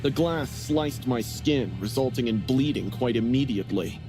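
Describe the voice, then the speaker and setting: A man narrating a first-person story in a scripted, even telling. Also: mid-range voice, moderate pace. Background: music.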